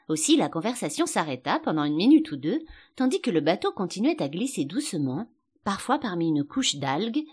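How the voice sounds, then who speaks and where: A woman narrating a children's storybook with a lowish voice. Her pitch rises and falls freely. She reads in a measured, expressive way. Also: slightly rough. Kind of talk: scripted audiobook narration.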